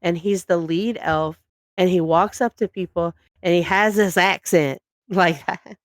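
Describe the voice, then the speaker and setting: A woman's voice: lowish voice, a little slow, dry recording, studio quality. A woman co-hosting a casual podcast, telling stories with lots of laughter. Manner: animated storyteller, laughs often. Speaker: podcast co-host. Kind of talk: casual chat.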